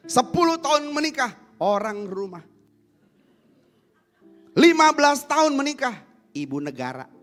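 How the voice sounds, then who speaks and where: A man preaching a sermon to a congregation, swinging from loud emphatic lines to low soft asides and acting out little family quarrels. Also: very animated, a little slow, long pauses, faint music behind. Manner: acts out everyday family quarrels to make points. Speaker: pastor. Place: church service.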